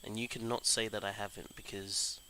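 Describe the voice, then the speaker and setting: A young man hosting a casual podcast chat, firing off dry, deadpan comebacks. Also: lowish voice, brisk, heavy background noise. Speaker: podcast host.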